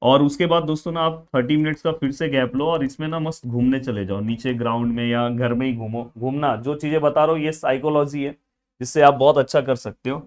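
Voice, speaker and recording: A man, coaching students through an exam study plan in an energetic, friendly way. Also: mid-range voice, a little fast. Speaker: tutor.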